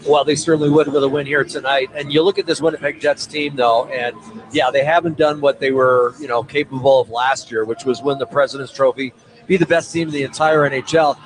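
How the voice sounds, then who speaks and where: A man's voice: mid-range voice, fairly even intonation, fairly quick, a crowd in the background. A male color commentator breaking down a hockey matchup on radio in a loose, conversational way with lots of fillers. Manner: conversational, many fillers and restarts. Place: arena broadcast booth. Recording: noisy arena radio feed.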